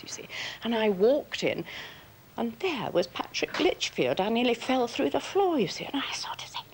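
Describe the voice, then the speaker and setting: A woman's voice: mid-range voice, slight background noise. A woman, an actress, chatting through an anecdote with many asides. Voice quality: chatty, gravelly. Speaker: actress interviewee. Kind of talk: casual anecdote.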